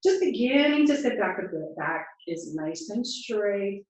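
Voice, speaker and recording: A woman leading a yoga class, giving calm, encouraging cues and counting breaths, a little out of breath as she moves. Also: mid-range voice, unhurried. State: slightly out of breath. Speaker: yoga instructor. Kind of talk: guided yoga class instruction. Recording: distant, echoey, muffled room sound.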